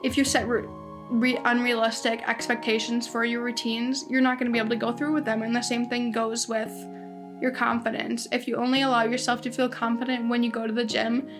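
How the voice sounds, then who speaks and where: A woman in her twenties hosts a solo podcast from home, her slightly high voice brisk and fairly flat in pitch, with music playing behind her. She's chatty and rambling in this casual monologue, full of "like"s and restarts.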